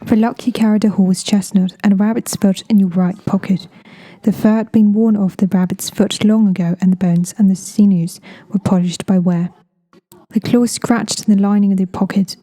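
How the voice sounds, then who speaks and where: A woman with an English accent reading an audiobook in a measured, deadpan way. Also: mid-range voice. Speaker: audiobook narrator. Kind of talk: scripted audiobook narration.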